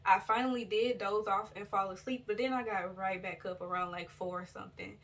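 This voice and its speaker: A woman's voice: medium pitch, brisk. Chatty woman vlogging, a little distant. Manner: rambling and loose, with many fillers and self-corrections; chatty and relaxed, addresses viewers directly. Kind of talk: casual storytelling vlog. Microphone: built-in device camera mic.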